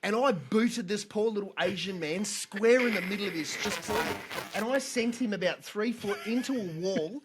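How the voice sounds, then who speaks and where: A young Australian man telling a story on a podcast, animated, laughing and swearing as he goes. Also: sits high, moderate pace, heavy background noise. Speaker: podcast co-host. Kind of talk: casual storytelling chat.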